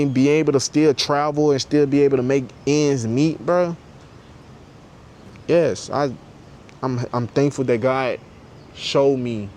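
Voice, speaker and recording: A heated young man in his twenties vents straight to camera, repeating himself and swearing bluntly. His voice sits at an ordinary pitch. A faint rumble of a vehicle hums behind him. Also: a little mellow. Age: 20s. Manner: heated, repetitive, blunt with profanity. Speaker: vlogger. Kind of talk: candid vlog rant.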